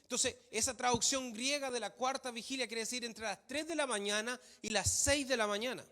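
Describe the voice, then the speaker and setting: A man's voice: very high-pitched, a little fast, sharp tone. A man preaching a sermon in a church hall, emphatic, repeating phrases for stress. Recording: long hall reverb.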